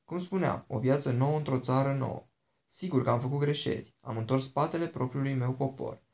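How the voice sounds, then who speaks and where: A man's voice: mid-range voice, creaky, a little mellow, close to an everyday voice. A man voicing an ancient princess, a charming and dangerous woman who talks in a sweet, persuasive, coaxing way.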